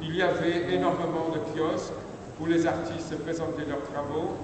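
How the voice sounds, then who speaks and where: A middle-aged sculptor speaks slowly and haltingly, stopping often to search for words. His fairly high voice rings through a stone cloister, picked up from far off. A low hum of ambient noise sits underneath. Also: steady tone, heavy reverb, big-room sound. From Brazil. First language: Portuguese. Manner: slow, hesitant, searching for words. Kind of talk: opening speech at an exhibition. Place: abbey cloister.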